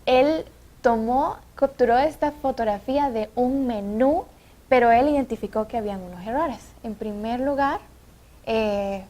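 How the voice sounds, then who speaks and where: A woman's voice: on the high side, a little slow, dark tone. A woman hosting an educational TV program, attentive and leading each segment. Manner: attentive, frequent "ujú" backchannels, guides segments. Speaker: TV program host. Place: TV studio.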